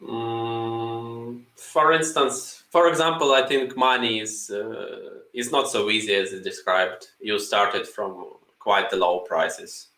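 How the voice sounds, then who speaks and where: A man from Ukraine, in English, co-hosting a casual podcast and talking in a halting way with many fillers. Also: medium pitch, steady tone, pushed and bright, roomy sound, low-quality recording. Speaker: podcast co-host. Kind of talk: casual chat.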